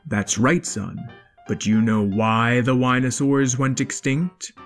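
A woman voicing a stern father dinosaur in a storybook, firm and lecturing in a lowered voice. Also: a little slow, faint music behind. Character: stern, set-in-his-ways father dinosaur. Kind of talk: storybook character voice.

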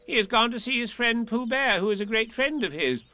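A man reading a storybook aloud and voicing a small, fussy, cautious male rabbit in a high, prim voice. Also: lively intonation, a little fast, sharp tone, no room sound, exaggerated voice.

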